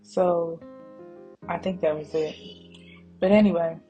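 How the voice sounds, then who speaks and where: A woman's voice: fairly low pitch, steady tone, measured pace, warm tone, dull audio. A woman narrating her own cooking video as a casual voice-over, chatty and rambling, often drifting into side stories and talking straight to her viewers. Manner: laughs easily, addresses viewers as y'all. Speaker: home cooking vlogger. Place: voice-over added to kitchen footage. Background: background music.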